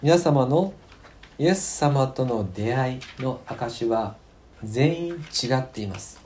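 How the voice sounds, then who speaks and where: A male pastor delivers a Sunday sermon, reading scripture aloud and repeating key phrases for emphasis. His voice sits at a middle pitch but moves with a lively, swinging melody. He often sinks into soft, almost whispered words. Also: slow pace, a little hiss or hum. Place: church service.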